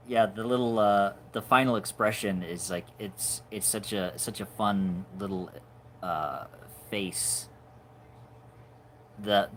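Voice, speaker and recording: Man in his forties, deep low voice, casual livestream host, halting and musing, faint hum behind. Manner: halting, musing, trails off softly. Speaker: animator hosting a livestream.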